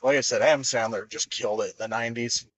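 A man's voice: mid-range voice, fairly even intonation, fast, dull audio. A man hosting a podcast in casual chat, rambling with many fillers and acting out movie quotes. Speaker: podcast host.

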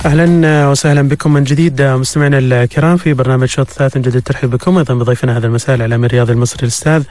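A man's voice: medium pitch, steady tone, racing, darkish tone, faint music behind. A man with a Gulf Arabic accent hosting a conversational sports interview on the radio.

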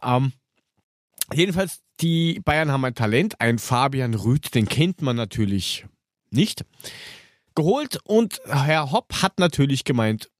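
A man with a mid-pitched voice, recorded dry without room sound. He co-hosts a casual football chat, retelling the news colloquially and dropping sardonic remarks. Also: sing-song, unhurried, no room sound. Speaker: co-host of a football talk show.

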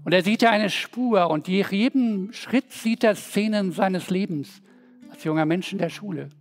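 A man's voice: high-pitched, normal speed, soft background music. A man preaching a sermon as a pastor, telling stories and repeating phrases rhythmically. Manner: storytelling preacher, rhythmic repetitions.

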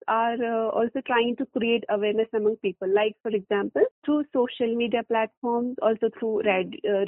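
A woman from Kashmir with a Kashmiri accent, a journalist answering interview questions in a halting, hesitant way with many fillers. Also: a little high, no echo. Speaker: freelance journalist being interviewed. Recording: phone-like, thin telephone line.

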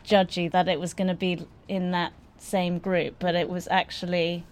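A café owner who has written a cookbook chats casually, candid and self-deprecating. Her voice sits on the low side, with a level tone and moderate pace.

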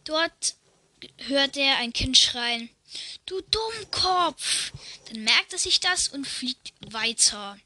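A woman's voice: high voice, expressive, slow pace, pushed and bright. A woman telling jokes in a casual chat, giggling at her own punchlines and using slang. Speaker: channel host.

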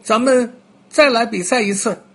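A man's voice: very high-pitched, normal speed, breathy edge, voice pushed up, heavily acted. An older man voicing a proud young male deer in a children's story, speaking in a bragging manner. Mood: competitive.

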